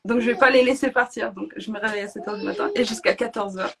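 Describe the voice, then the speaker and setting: A woman guest on a podcast, telling her own story in a lively, emotional way and often laughing between phrases. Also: fairly high pitch, quick pace, vocal fry, a crowd in the background. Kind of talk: personal storytelling.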